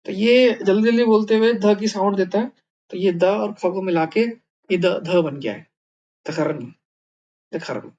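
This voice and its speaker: A man's voice: sits high, moderate pace, darkish tone. Male teacher from India, patient step-by-step lesson, muffled dull audio. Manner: thinking aloud with many fillers and restarts. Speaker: language teacher. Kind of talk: explaining a writing lesson.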